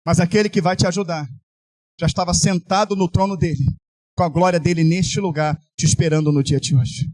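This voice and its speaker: A Brazilian man preaching an impassioned altar-call sermon, often shouting and half-singing his pleas. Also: high-pitched, fairly even intonation, brisk. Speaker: pastor.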